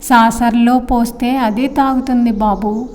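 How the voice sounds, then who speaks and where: A woman's voice: a little high, fairly even intonation, measured pace, a little mellow, natural voice. A woman reading a story aloud, voicing a small girl who talks like a grown-up, with a long hall reverb. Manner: grown-up, matter-of-fact. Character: bossy little servant girl.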